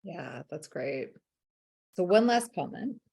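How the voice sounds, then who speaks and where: A woman's voice: on the low side, expressive, slow pace, gravelly, a little mellow, slightly rough. A woman moderating an online session, politely reading audience comments from the chat. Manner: polite and encouraging.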